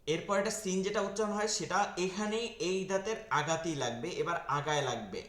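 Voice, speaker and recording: In an online class, a man teaches Quran pronunciation in a fairly quick, high, somewhat bright voice with a roomy sound. He explains tongue and teeth placement step by step and repeats each Arabic letter sound many times over.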